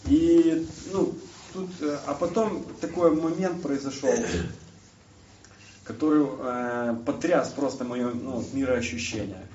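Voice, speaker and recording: A young man sharing his recovery story with a group, halting and restarting as he searches for words. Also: mid-range voice, mellow, a little hiss or hum. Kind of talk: personal testimony to a group. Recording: distant roomy hall mic, dull.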